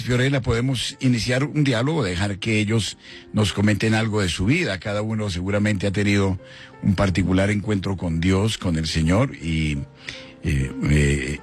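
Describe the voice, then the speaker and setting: A man, a priest, hosting a faith conversation in an unhurried, gentle way. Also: lowish voice.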